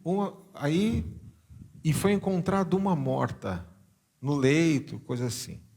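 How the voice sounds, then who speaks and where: A man's voice: on the high side, animated, a little slow, gravelly, darkish tone. A Brazilian man from São Paulo, a bishop preaching a sermon in church, reading scripture aloud and stopping to explain it and put questions to the congregation. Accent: Brazilian Portuguese, São Paulo.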